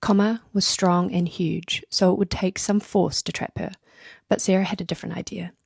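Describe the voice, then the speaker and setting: A woman with a New Zealand accent hosting a soft-spoken ASMR video, reading scripts aloud in a slow, hushed, half-whispered voice close to the microphone. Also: fairly low pitch, fairly even intonation, no room sound. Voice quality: breathy and husky. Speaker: ASMR host.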